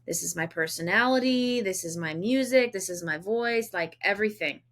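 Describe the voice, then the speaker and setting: A woman's voice: mid-range voice, moderate pace, a bit bright. A woman in her thirties, a singer-songwriter guest, chatting casually in a podcast conversation and often restarting and repeating words. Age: 30s.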